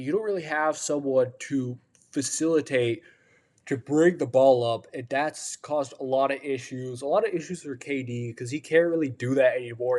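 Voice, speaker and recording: A man talks through his sports opinions slowly and casually, sounding worn out. His voice sits at an ordinary pitch, and he stretches his words at a relaxed, unhurried pace. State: tired, yawning. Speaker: podcast host.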